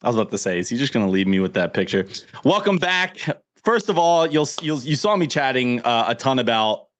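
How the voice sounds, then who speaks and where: A man with a New Jersey accent hosts a casual tech livestream from a video call. His pitch swings all over as he jokes around and hypes up the next guest. He is playful and quick to banter. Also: big pitch swings. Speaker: livestream host.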